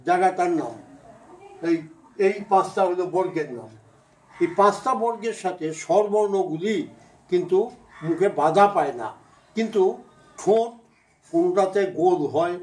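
A man with a Bangladeshi Bengali accent teaching a grammar class, explaining patiently and repeating each vowel sound aloud to demonstrate it. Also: high voice. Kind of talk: classroom lecture. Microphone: phone camera from across the room. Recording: echoey room, voice from far off.

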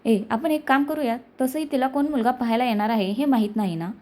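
A woman's voice: on the high side, fairly quick, a little mellow, close to an everyday voice. Brief: woman storyteller voicing a joking, plotting young man, storybook reading. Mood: scheming. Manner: amused, conspiring.

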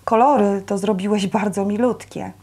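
A woman reading aloud, voicing a worried middle-aged mother in a husky, slightly strained voice. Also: medium pitch, fairly even intonation, normal speed, a little mellow. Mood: reassuring.

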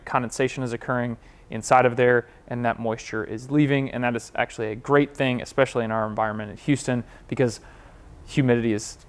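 This is an explanatory walkthrough from an HVAC company representative, a man with a mid-range voice who points out the parts of a home cooling and heating system by hand. He keeps it plain and practical, inside a large warehouse workshop with concrete block walls.

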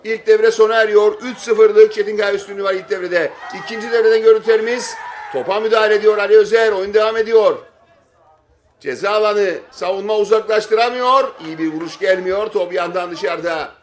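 A man giving excited football play-by-play in clipped short phrases, shouting and stretching out his calls at big moments. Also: high voice, a little fast. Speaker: football match commentator. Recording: stadium crowd noise behind voice. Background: football crowd.

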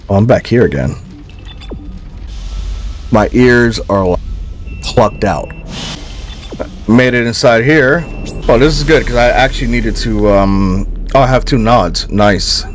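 A man casually commentating his own horror game play for viewers, excitable and quick to exclaim. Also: mid-range voice, a little hiss or hum. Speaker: gaming streamer.

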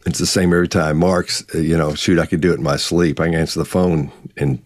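A man's voice: a bass voice, quick pace, no room sound, clean studio sound. A man in his fifties co-hosting a live Q&A over a video call, telling stories and acting out quotes. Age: 50s. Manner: animated storyteller, acts out quotes. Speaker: co-host. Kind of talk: casual live Q&A chat. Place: home office with bookshelves. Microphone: video call webcam.

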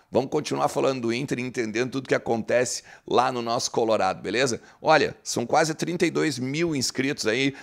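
A man chats about his football club straight to the camera. His mid-pitched voice has a gravelly, creaky edge, and he keeps tagging lines with quick asides to the viewer. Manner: chatty, tags sentences with "né?" and "ó". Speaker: football channel host. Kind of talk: casual football commentary to camera.

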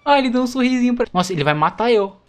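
A man from Brazil giving excitable, chatty let's play commentary to his viewers. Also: extremely high pitch, rapid-fire, clear, resonant tone, soft background music. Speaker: gaming YouTuber.

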